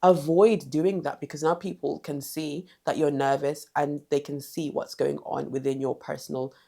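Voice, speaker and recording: A woman's voice: low voice, steady tone, normal speed, gravelly, mellow. A woman giving direct, emphatic confidence advice in a vlog, repeating short commands. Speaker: confidence coach.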